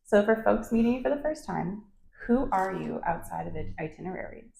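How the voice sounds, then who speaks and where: A woman's voice: mid-range voice, lively intonation, brisk, vocal fry, mellow. A woman hosting an interview, asking upbeat, encouraging questions. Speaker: host. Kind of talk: casual interview. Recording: roomy echo.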